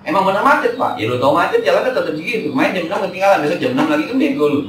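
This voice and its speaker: A man's voice: sits high, expressive, very fast, fairly bright tone, slight background noise. A man, giving a chatty, joking religious study talk in a mosque. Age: 40s. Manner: chatty, jokey, slangy Jakarta talk. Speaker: Islamic teacher. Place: mosque hall. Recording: echoey hall from far off.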